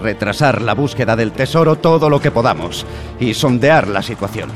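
An actor playing a stern, authoritative ship's captain in a Spanish radio drama, curt and commanding. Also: male voice, mid-range voice, animated, normal speed, faint music behind, natural voice. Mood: grave, measured.

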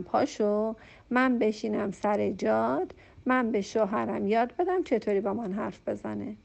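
A woman's voice: medium pitch, vocal fry, a little mellow. A woman counselor answering a listener's question with emphatic, direct advice to a group, repeating her points and speaking straight to the listener.

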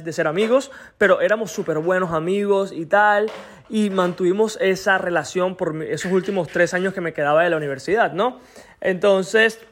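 A man in his thirties talks alone into a podcast mic and tells a personal story. His voice sits high for a man, and his tone is loose and conversational. He keeps pausing to make sure the listener is following. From Venezuela. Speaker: podcast host. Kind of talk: casual podcast monologue.

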